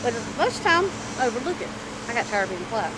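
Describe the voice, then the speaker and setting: A middle-aged woman chatting candidly in a street interview, animated and talkative, in an outdoor parking lot. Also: on the high side, quick pace. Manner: animated, chatty, acts out quoted voices. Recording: street noise in the background.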